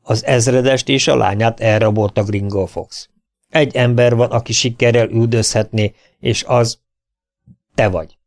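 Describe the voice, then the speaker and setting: A man's voice: mid-range voice, fairly even intonation, lightly acted. A man voicing a stern small-town sheriff who gives firm, emphatic orders. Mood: commanding.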